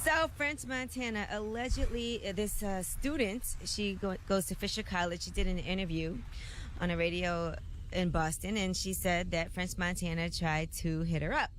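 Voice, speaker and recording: A woman hosting a radio gossip segment, telling celebrity stories in a brisk, chatty way into a studio microphone. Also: fairly low pitch, fairly even intonation, a bit bright, slight background noise. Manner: brisk, chatty storytelling that acts out quotes. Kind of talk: reading celebrity gossip on a morning radio show.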